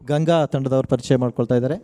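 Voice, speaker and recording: A man hosting a college quiz show on the radio, energetically urging contestants and reading questions slowly and with emphasis. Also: medium pitch, steady tone, dark tone, a little hiss or hum. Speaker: quizmaster.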